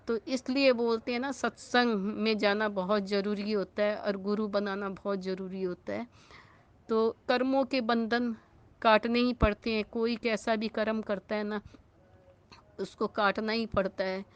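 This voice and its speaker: A woman's voice: mid-range voice, clean tone. A woman telling a spiritual moral story in a conversational way, often checking in with her listeners. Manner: conversational, with frequent tag questions.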